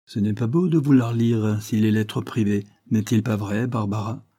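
A man reading aloud, voicing a calm, self-possessed young male lawyer who speaks firmly but with good humour, in a storybook reading. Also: on the low side, moderate pace, close to an everyday voice. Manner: firm, evasive, good-humoured.

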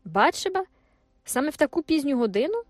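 A woman's voice: animated, fast talker, darkish tone, dry recording, soft background music, close to an everyday voice. A woman voicing an agitated, jealous middle-aged farmer in an audiobook, pleading and strained. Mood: anxious. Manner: pleading, strained, high-pitched outbursts. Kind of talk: audiobook character voice.

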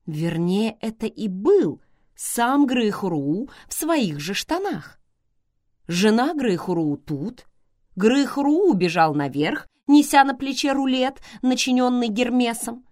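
Brief: woman narrator, ironic audiobook read, lively pitch, dry close mic. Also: takes it slowly, dry recording. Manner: expressive, ironic. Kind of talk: first-person novel narration.

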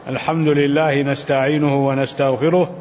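An older man teaching a scholarly lesson, reading texts aloud and explaining them in a measured way, chanting the quotations in a lilt. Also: medium pitch, flat delivery, a little mellow, big-room sound. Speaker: sheikh teaching a commentary. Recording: dull, lo-fi recording with faint noise.

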